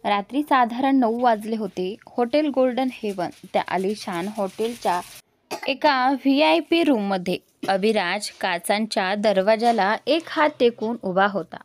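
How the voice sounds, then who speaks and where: A woman narrating a romance story in a steady, dramatic storytelling manner. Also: fairly high pitch, unhurried.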